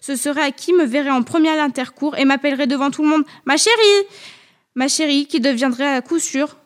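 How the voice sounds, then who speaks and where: Une femme qui lit un roman à la première personne, d'un ton posé et intime. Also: female voice, high voice, steady tone. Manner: measured, intimate, literary. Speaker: audiobook reader. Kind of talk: first-person literary narration.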